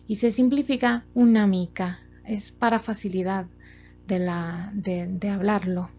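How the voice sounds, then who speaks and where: A woman's voice: medium pitch, fairly even intonation, warm tone. A woman teaching a grammar lesson from slides, explaining step by step with many examples. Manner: slow, methodical explaining with examples. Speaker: language teacher. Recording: dull lo-fi sound, faint music.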